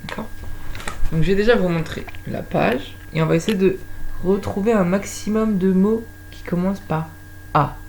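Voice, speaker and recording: A woman's voice: medium pitch, moderate pace, gravelly, a little mellow, slight background noise. A woman teaching young children to spell by sound, patiently stretching out each syllable. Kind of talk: slow phonics lesson for young children.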